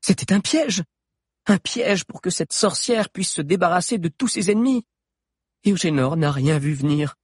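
Man doing a high, indignant young runaway. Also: lively intonation, normal speed, few pauses, breathy edge, no echo, clean studio sound. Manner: exclamatory, indignant.

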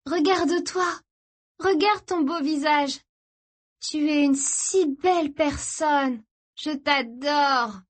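A woman narrator voicing a young woman high on ecstasy, gushing with affection in a drawn-out, sing-song voice. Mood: euphoric, gushing.

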